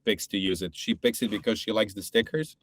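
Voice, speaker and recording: Man from Serbia, low voice, dry sound, casual podcast chat, hedging. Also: fairly even intonation, brisk, dry recording. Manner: thoughtful, hedging, many restarts. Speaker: podcast guest, startup co-founder.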